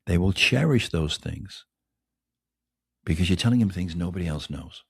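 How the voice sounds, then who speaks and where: A man's voice: low-pitched, animated, normal speed, creaky, husky. A middle-aged man from England, hosting a podcast in a casual, joking, self-mocking monologue full of rhetorical questions. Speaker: podcast host.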